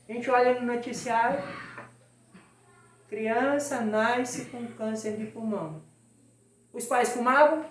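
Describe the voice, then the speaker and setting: A woman's voice: fairly high pitch, recorded from a distance. Brazilian woman preaching in an echoey hall. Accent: Brazilian Portuguese. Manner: rhetorical questions to the audience. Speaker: spiritist lecturer. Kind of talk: spiritist sermon. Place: spiritist center hall.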